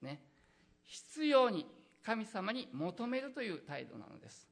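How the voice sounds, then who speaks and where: Husky, gravelly preacher with a lively voice. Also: medium pitch, unhurried. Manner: earnest, exhorting, fillers like "えー". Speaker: pastor. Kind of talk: sermon.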